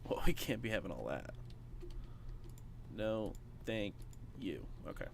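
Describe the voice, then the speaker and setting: Guy with a lowish voice doing a chill let's play, talks to chat a lot, um and like everywhere. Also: big pitch swings, a little slow, gravelly, noisy background. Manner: chatty, talks to viewers while playing, many fillers. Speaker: gaming streamer.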